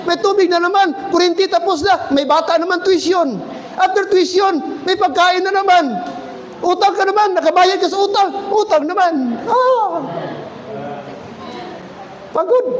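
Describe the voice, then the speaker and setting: Pastor guy preaching loud n fervent, really high voice for a man, church hall echo with a little noise behind. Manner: impassioned, often shouting, mixes English into Filipino, calls out to the congregation. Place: church service.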